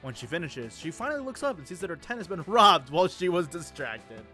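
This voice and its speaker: A man's voice: on the high side, very animated, a little fast, sharp tone, soft background music. A man hosting a game stream, reading the story aloud playfully and laughing often. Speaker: stream host, narrator of the game.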